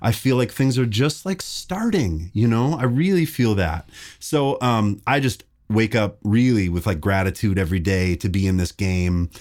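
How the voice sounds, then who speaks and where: A man in his forties, a bass player chatting casually in an interview, animated and enthusiastic. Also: moderate pace, hardly any pauses. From Minneapolis. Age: 40s. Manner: animated, enthusiastic, laughs often.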